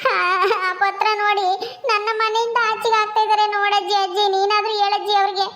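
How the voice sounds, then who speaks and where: A woman's voice: very high-pitched, little pitch movement, fairly quick, fairly bright tone. A woman playing a young wife pleading her innocence in a village family drama, begging in a tearful tone. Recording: echoey room.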